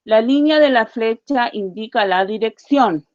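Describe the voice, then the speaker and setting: A woman teacher giving a science lesson to children, patiently repeating her questions and slowly spelling out each point. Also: fairly high pitch, a little mellow, no room sound, lo-fi sound. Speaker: primary school teacher.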